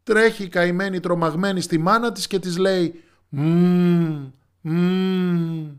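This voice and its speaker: A man storyteller reading a fairy tale aloud in a lively, expressive way. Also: high-pitched. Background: soft music.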